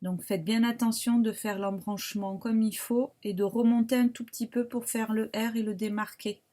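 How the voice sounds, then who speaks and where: A woman primary school teacher with a French accent, giving a slow, patient syllable dictation in a remote phonics lesson, sounding out each syllable carefully. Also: on the high side, steady tone, warm tone.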